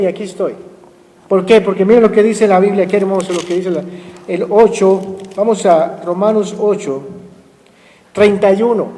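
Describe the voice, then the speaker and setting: High-voiced preacher. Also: male voice, dark tone, in a large hall. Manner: emphatic preaching with rhetorical questions, slows for scripture. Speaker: pastor. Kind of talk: sermon. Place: church sanctuary.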